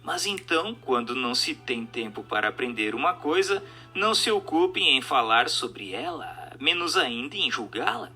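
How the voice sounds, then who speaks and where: Over a music bed, a Brazilian-accented narrator reads a scripted spiritist text emphatically, in a declamatory and didactic style. His fairly high voice is bright and forceful, very animated, moving at normal speed with hardly any pauses.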